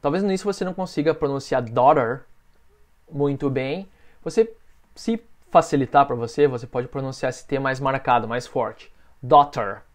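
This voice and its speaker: A man with a Brazilian Portuguese accent teaching a beginners' English lesson, patiently drilling phrases and saying each model sentence slowly. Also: medium pitch.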